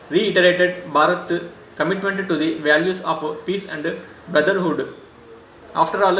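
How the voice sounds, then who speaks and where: A man reads a scripted news voice-over in a brisk, steady way. His voice sits a bit higher than most men's. The room around him rings with echo, and a faint hum of ambience lies underneath. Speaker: news narrator.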